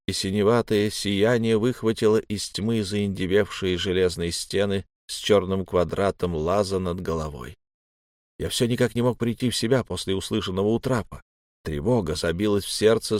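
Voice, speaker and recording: Low-voiced male audiobook narrator. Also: moderate pace, a little mellow, no echo, clean studio sound. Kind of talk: first-person audiobook narration.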